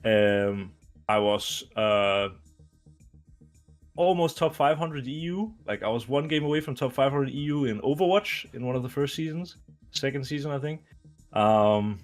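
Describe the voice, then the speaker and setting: A man in his twenties from Denmark, a retired esports player answering interview questions in a relaxed, rambling way with many fillers. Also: medium pitch, a little slow, soft background music. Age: 20s. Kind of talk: casual video interview.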